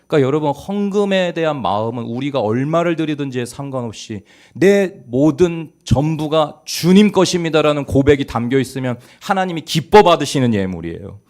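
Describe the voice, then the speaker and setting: A middle-aged man, a pastor, preaching a Sunday sermon in a church, moving between quiet, low passages and loud, urging exhortation with light jokes. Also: animated, brisk, hardly any pauses. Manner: swings from hushed, low delivery to loud, exhorting peaks. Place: church sanctuary.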